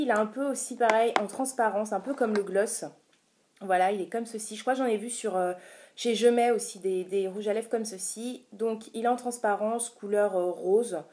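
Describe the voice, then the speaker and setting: A woman's voice: mid-range voice, moderate pace, mellow. A woman casually talking through a beauty haul vlog, chatty and hesitant, with many filler sounds. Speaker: beauty vlogger.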